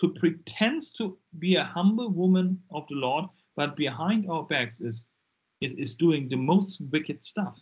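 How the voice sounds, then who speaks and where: A man from Germany with a German accent, speaking English as a guest in an interview about his ministry, earnest and animated. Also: fairly high pitch, a little slow. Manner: earnest, animated, acts out quoted voices. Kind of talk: casual interview over a call. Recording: muffled lo-fi call audio.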